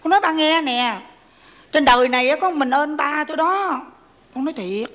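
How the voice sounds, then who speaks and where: A woman's voice: sits high, expressive, normal speed, a bit bright, slight background noise. A woman performing a whiny, teasing grown daughter desperate to marry in a live stage comedy sketch. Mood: pleading. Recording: stage sound with long hall reverb.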